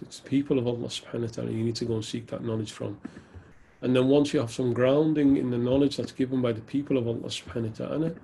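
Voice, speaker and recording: A man's voice: medium pitch, gravelly, dark tone, slight background noise. A man, an Islamic scholar, answering questions in an earnest, direct way during a live Q&A session, with casual banter. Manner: earnest, then teasing and laughing.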